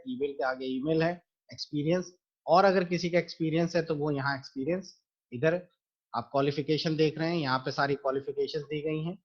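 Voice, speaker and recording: Male computer teacher for a screen-recorded lesson, patient and methodical, somewhat higher voice, muffled home mic. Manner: patient, explains step by step to students.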